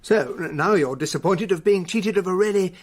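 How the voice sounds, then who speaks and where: An actor playing a hearty, loyal English gentleman captain with an English accent and husky voice, narrator and sidekick in a radio play. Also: sits high, fairly quick. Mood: curious, teasing. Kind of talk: radio drama acting.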